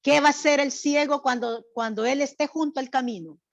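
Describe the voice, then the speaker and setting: A woman's voice: high voice, a little fast, no echo, highs cut off. A woman church teacher giving a Bible lesson and directing a drama, quizzing her group and often checking with "right?". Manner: asks the group questions, often adds "right?".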